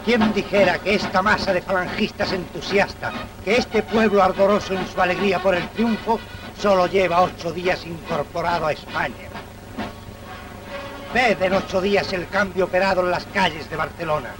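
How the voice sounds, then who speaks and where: A man's voice: high-pitched, fairly even intonation, normal speed, over music. A man narrating an old 1930s newsreel in a solemn, declamatory manner. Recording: noisy, distant 1930s newsreel soundtrack.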